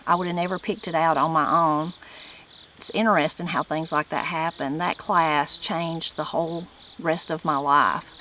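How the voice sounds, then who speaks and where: A woman's voice: deep voice, steady tone, moderate pace, bright, forceful tone, slight background noise. A middle-aged woman from western North Carolina with a strong Appalachian mountain accent, talking informally and folksily to her viewers. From western North Carolina, United States. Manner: folksy, with regional turns of phrase. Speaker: online channel host and presenter. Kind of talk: informal talk to camera.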